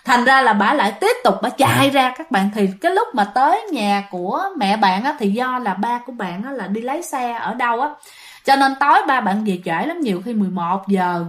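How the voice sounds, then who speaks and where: A woman with a slightly high voice tells a ghost story in a loose, conversational way. She talks straight to her listeners and briefly voices the people in the story as she goes. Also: a bit bright. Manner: chatty, addresses listeners directly, acts out quoted speech. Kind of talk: casual ghost story telling.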